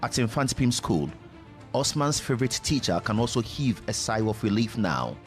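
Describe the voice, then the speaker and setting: A man's voice: medium pitch, big pitch swings, moderate pace, over music. A man with a Ghanaian accent reading scripted documentary narration.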